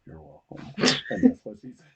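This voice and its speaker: A man's voice: fairly quick, dark tone, highs cut off. A middle-aged man co-hosting a podcast, teasing his daughter and laughing a lot during joking banter. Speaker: podcast co-host.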